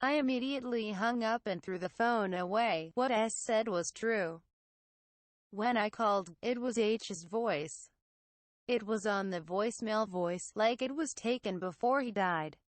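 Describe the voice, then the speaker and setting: A woman reading a translated horror story as narrator in an even, measured way. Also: mid-range voice, dry recording.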